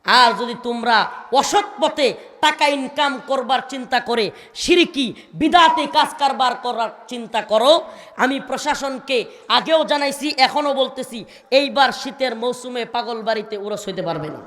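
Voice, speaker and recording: High-pitched fiery male preacher, echoey. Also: measured pace, slight background noise. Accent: Bangladeshi Bengali. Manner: shouting, rising declamations, chanted Arabic verses. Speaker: preacher at a religious gathering. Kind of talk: fiery sermon.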